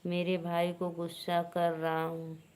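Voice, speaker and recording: A woman's voice: lowish voice, completely flat delivery, slow, a little mellow, a little hiss or hum. A woman with an Awadhi accent hosting a live stream, chatting casually and teasingly with viewers and greeting them by name.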